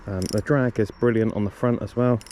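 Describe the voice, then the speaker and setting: Low-voiced man rambling through his tackle. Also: fairly quick. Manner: relaxed, rambling, lots of ums and self-corrections. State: coughing a lot. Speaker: fishing vlogger. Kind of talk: casual gear walkthrough. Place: outdoors on a riverbank. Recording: outdoor recording with clear background noise.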